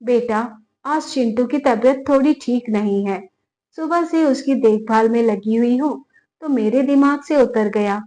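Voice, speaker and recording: Woman voicing a meek, soft-spoken old mother-in-law. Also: fairly high pitch, a little slow, close to an everyday voice. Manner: soft, quiet pleading.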